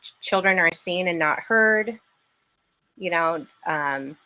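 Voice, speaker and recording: A woman's voice: lowish voice, slow pace, bright, forceful tone, poor audio. A woman hosting a live podcast, chatting enthusiastically with her guest. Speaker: podcast host. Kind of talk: casual live-stream interview.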